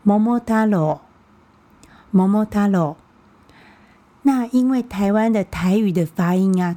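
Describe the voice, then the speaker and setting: Mellow-voiced woman hosting a language podcast. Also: mid-range voice. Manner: friendly and patient, often repeating words for learners. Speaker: podcast host teaching Japanese. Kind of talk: casual explanatory podcast talk.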